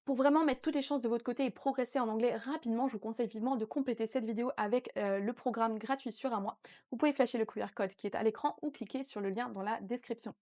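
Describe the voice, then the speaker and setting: A woman teaching English in an online video lesson, speaking clearly and encouraging viewers directly. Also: a little high, fast talker, darkish tone.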